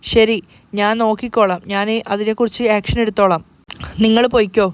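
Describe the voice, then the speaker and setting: Woman reading as a brisk police officer. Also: mid-range voice, fairly even intonation, clear, resonant tone, dry recording, natural voice. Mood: dismissive. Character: stern female police officer.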